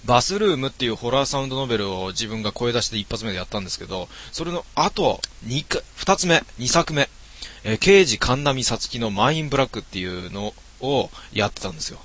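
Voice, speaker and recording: Bright-voiced man chatting casually. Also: medium pitch, brisk. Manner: relaxed, rambling talk with many fillers. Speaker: game streamer. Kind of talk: casual chat. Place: his home.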